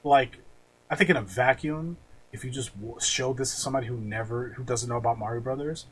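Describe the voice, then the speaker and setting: A podcast host rattles off opinionated film rankings in casual chat, dropping the occasional swear word. His mid-range voice is fairly quick and fairly bright, and the rough recording carries clearly audible background noise.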